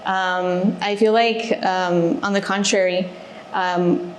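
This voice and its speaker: Speaking at a medium pitch with a steady tone, this woman, a reservations manager and interview guest, answers casually and thoughtfully, filling pauses as she thinks. She comes from Mexico, was raised in Alaska, and grew up speaking Spanish first. A little hiss or hum and faint ambience come through the echoey room.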